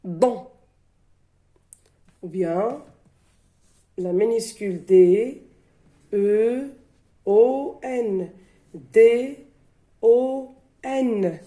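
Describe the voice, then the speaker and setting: A woman's voice: fairly high pitch, drawn-out words, pauses often, dark tone. A woman teacher giving a reading lesson, spelling out letters one by one and repeating each sound. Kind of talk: slow syllable-by-syllable reading lesson.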